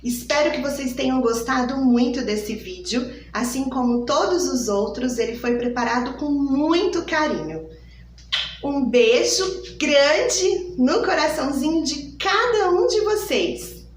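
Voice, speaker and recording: A woman teaches a phonics lesson for young children, stretching every word out slowly. Her voice sits high and swoops up and down in a sing-song way. It is recorded from a distance in an echoey room. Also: lively intonation, slight background noise.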